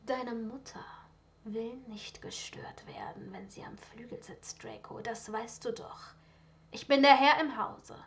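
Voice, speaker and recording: A cold, disdainful aristocratic father, read by a woman in a storybook reading. He speaks in a hushed, breathy sneer, with a fairly high pitch. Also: steady tone, normal speed, hardly any pauses, slight background noise, close to an everyday voice. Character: haughty older aristocratic father, contemptuous and cold.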